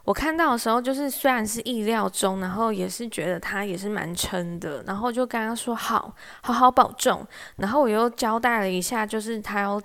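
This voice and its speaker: Wry, animated woman. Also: mid-range voice, fairly quick, few pauses. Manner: animated, wry and exasperated, acts out quoted speech. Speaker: office worker telling a story. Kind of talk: casual storytelling monologue.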